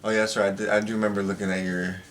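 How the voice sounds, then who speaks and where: A man's voice: fairly low pitch, little pitch movement, rapid-fire, fairly bright tone. A man in his thirties interviewing his mother in a loose, joking, profane way. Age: 30s. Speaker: interviewer, son of the guest. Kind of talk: casual family interview.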